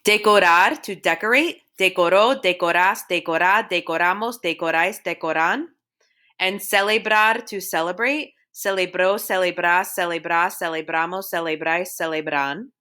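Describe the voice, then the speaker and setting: A woman with a lowish, bright, forceful voice walks through a recorded slideshow lesson. She drills verb forms one at a time in a steady, methodical way, pausing to tell students to copy things down. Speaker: Spanish teacher.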